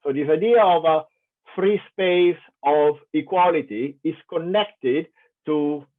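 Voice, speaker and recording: A man from Italy, speaking slowly in a fairly high voice with an Italian accent, gives an academic keynote lecture. His manner is thoughtful, with frequent fillers and restarts. The tinny, phone-like recording comes from an online conference call.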